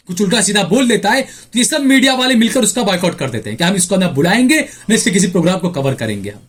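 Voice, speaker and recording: High-voiced sarcastic male commentator. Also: fairly bright tone. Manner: sarcastic, indignant. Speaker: political commentator host. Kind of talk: opinion commentary.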